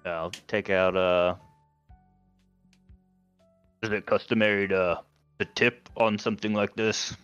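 Easygoing low-voiced man playing a tabletop game. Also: steady tone, takes it slowly, pauses often, a bit bright, clear, resonant tone, muffled recording, soft background music. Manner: easygoing, laughs often. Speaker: player. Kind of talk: casual tabletop game chat.

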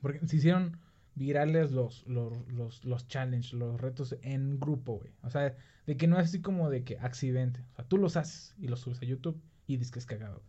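A man with a Mexican accent hosting a casual, slangy, excitable chat. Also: medium pitch, moderate pace, dull audio. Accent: Mexican Spanish. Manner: slangy, excitable, lots of filler words. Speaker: podcast host.

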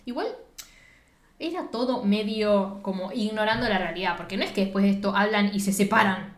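A woman's voice: mid-range voice, a little fast. Chatty young Argentine woman, roomy sound. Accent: Rioplatense Spanish. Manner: animated, acts out characters' lines. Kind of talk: casual chat recapping a series. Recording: echoey room.

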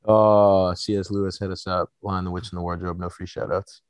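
Man, very low gravelly hoarse voice, casual podcast host, playful slang, dry close sound. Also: little pitch movement, brisk, no echo. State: hoarse after cheering at a game.

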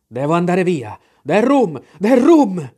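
A brutal old sea captain, drunk and roaring, every line a loud demand. His voice climbs high and strains as he bellows, put on by a man reading a storybook aloud. The tone underneath is dark and heavy. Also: very animated, drawn-out words, exaggerated voice. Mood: desperate.

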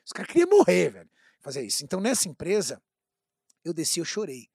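A man's voice: high voice, huge pitch swings, quick pace, vocal fry, a little mellow, husky, dry recording, studio quality. A man with a Brazilian Portuguese accent telling an emphatic personal story in a casual talk.

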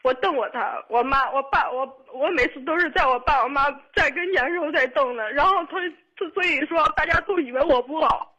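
A woman of twenty-two calling a radio show, upset and tearful, speaking in halting, repetitive bursts. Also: high-pitched, bright, forceful tone, highs cut off. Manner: halting, repetitive, restarts often. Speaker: caller. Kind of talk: radio call-in.

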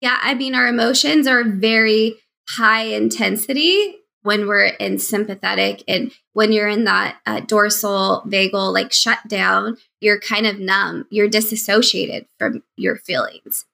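A woman's voice: medium pitch, steady tone, measured pace, gravelly, few pauses, sharp tone. A woman podcast guest and mind-body coach, talking conversationally on a call from home and animatedly acting out her past self in quoted asides. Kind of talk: conversational interview.

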